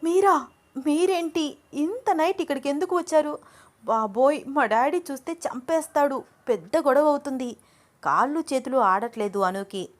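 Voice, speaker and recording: A woman's voice: normal speed, no room sound, lightly acted. A woman voicing a young woman in love who is agitated and fiery, in an audio story. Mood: startled. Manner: shrill, agitated pleading.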